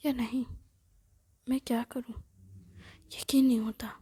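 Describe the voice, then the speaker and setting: A woman voicing a nervous young man who mutters anxiously and chats with a ghost, in a breathy whispered role-play. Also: on the high side, mellow. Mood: fretful. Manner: fretful, muttering to himself.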